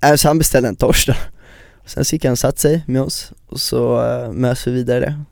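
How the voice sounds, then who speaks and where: A man in casual podcast conversation, telling stories with lively energy and quick asides. His voice sits at an ordinary middle pitch. The recording is close and dry, with no room sound. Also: vocal fry, dry recording. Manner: lively storyteller who acts out quotes. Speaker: podcast co-host.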